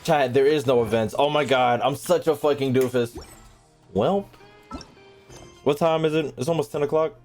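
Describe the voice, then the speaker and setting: This man's mid-range voice is a little mellow, moving at a moderate pace with long pauses as he games on stream. He chats with viewers casually, using slang and swearing, over video game music and sounds.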